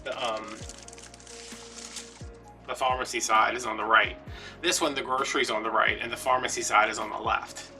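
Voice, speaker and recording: Recorded from a distance over background music, an American craft vlogger in his late thirties from the New Orleans area chats casually, rambling through playfully dramatic stories. His voice is fairly low and sharp, with a steady tone, moderate pace, and frequent pauses.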